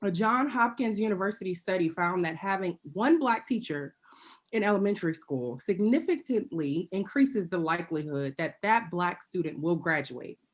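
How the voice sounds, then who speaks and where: A woman giving prepared remarks as a panelist over a video call. She speaks earnestly and pointedly, with wry asides, and now and then clears her throat. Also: on the low side, lively intonation, normal speed. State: occasionally choking and clearing throat.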